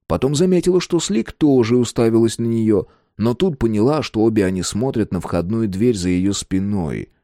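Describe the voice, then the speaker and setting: A man reads a novel aloud in an expressive, scripted narration. His pitch moves in a lively way, and the recording is close and dry. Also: normal speed, hardly any pauses, no echo. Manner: expressive reading that voices each character. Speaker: audiobook narrator.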